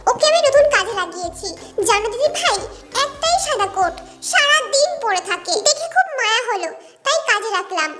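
A woman's voice: extremely high pitch, sing-song, fairly quick, loud music behind the voice. A woman voicing a chatty, teasing young male friend.

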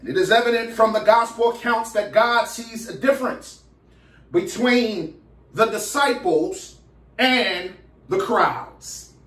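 A man's voice: sits high, takes it slowly, a bit bright, roomy sound, recorded from a distance. A man preaching a sermon as pastor, often repeating his first words and building rhythmic runs of phrases. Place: church in Philadelphia.

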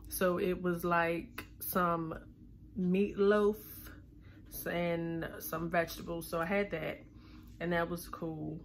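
A woman's voice: lowish voice, little pitch movement, takes it slowly, slight background noise. A woman talking with braces, chatting casually to her viewers. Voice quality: slight lisp. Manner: chatty, addresses viewers as y'all. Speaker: vlogger. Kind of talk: casual chat to camera.

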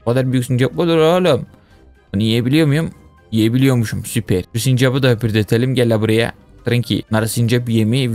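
A man commenting playfully on a game he plays, teasing others and often shouting high-pitched calls. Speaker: gaming YouTuber. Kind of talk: casual let's-play commentary.

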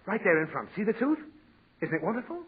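In this 1940s radio comedy, a man plays a fussy, sentimental father, patient but easily flustered, lecturing his mischievous daughter. His voice sits high, sing-song and fast. The recording is a tinny vintage broadcast carrying a faint hiss.

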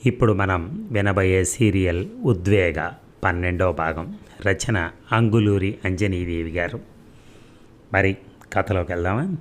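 A man narrating a serialized audio story in a calm, measured reading. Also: deep voice, slight background noise.

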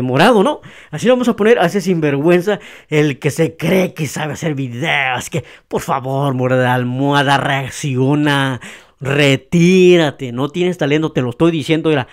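Mexican male vlogger, heated repetitive insulting rant, slightly high voice. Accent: Mexican Spanish. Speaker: YouTube troll commentator. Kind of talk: ranting reaction video.

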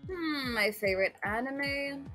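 A woman's voice: lively intonation, a little slow, bright, forceful tone. A young woman from the Philippines with a cute, girlish anime-style way of talking, chatting casually and hesitantly while gaming. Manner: high, cute anime-girl voice, giggly and hesitant. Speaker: voice actress playing as paid gaming companion. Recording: music bed behind the voice.

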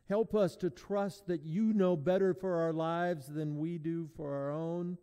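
A man serving as pastor, leading a sermon and communion in a measured, prayerful cadence, his voice ringing with a long echo in a large church. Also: fairly high pitch, mellow. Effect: long echoing church reverb. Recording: long reverb in a large hall.

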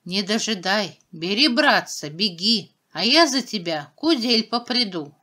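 Woman voicing a bright little helpful mouse. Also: mid-range voice, lively intonation, a little slow. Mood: warning. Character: small helpful female mouse in a fairy tale.

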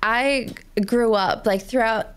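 A young woman in her twenties hosting a podcast interview into a studio boom mic, speaking in an open, personal, conversational way. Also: takes it slowly, smooth. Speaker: podcast host. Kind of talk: casual interview chat. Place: small studio room. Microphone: studio mic on boom arm with headphones.

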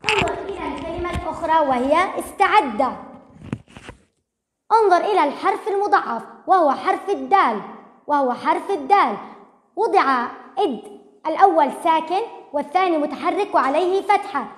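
A woman teacher giving a recorded lesson to young pupils, patiently sounding out syllables one by one and repeating them slowly. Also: very high-pitched, expressive, reverberant, big-room sound, a little hiss or hum. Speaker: primary school Arabic teacher.

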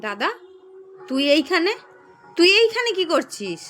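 An actress playing a defensive young wife who is brisk with her husband and fond of her brother. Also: very high voice, big pitch swings, a bit bright, faint music behind, full character voice.

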